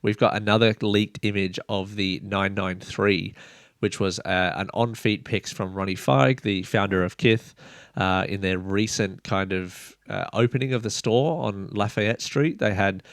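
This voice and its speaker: A man's voice: on the low side, fairly even intonation, measured pace, dry recording, clean studio sound. A man hosting a casual sneaker podcast, rambling with lots of fillers like "kind of" and "you know". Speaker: podcast host.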